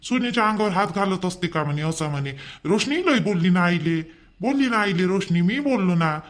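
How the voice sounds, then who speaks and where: A man, playing a young husband who coaxes his crying wife to calm down. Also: high voice, brisk. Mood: pleading. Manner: pleading, coaxing. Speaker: actor in a family drama. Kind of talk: amateur family drama acting.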